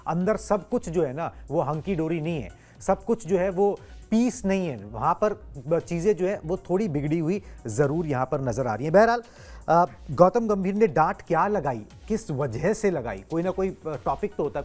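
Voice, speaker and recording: A man's voice: fairly high pitch, a little mellow. Chatty male cricket show host. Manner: chatty, explanatory, with Hindi idioms and fillers. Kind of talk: cricket news discussion.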